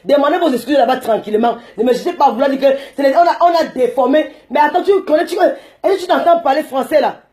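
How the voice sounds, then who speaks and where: A high-pitched middle-aged woman with a Cameroonian French accent rants straight at her viewers. She talks in a rambling, combative and mocking way and raises her voice to a shout at times. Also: fast talker, few pauses. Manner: chatty, rambling. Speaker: vlogger. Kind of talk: ranting vlog monologue.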